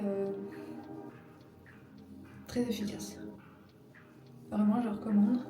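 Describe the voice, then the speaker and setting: A woman in her thirties giving a casual skincare tutorial, hesitant and full of fillers as she searches for words. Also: medium pitch. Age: 30s. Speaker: beauty vlogger. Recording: echoey room, mic at a distance, music behind.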